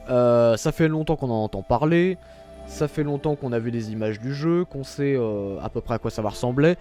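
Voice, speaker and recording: French-speaking streamer dude rambling over his game, mellow dark tone, a bit of game music under it. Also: mid-range voice, moderate pace. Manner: chatty and rambling, self-mocking asides; reads game menus and text aloud. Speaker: streamer playing a video game. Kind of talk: casual gameplay commentary.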